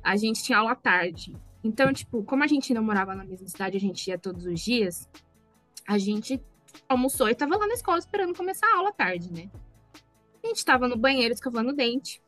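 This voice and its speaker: A Brazilian woman co-hosting a casual podcast, telling a story with animated asides to her friends. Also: fairly high pitch, a little fast, faint music behind. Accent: Brazilian Portuguese. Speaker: podcast co-host.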